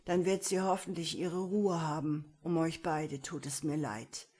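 A woman doing a hoarse, frightened old man. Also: low-pitched, fairly even intonation, measured pace. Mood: ominous. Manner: stammering, pleading, then hushed.

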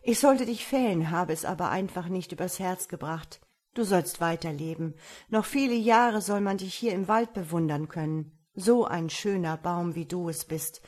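A woman's voice: on the low side, darkish tone, close to an everyday voice. A woman reading the lines of a poor, kind-hearted male woodcutter in a fairy tale, earnest and worried.

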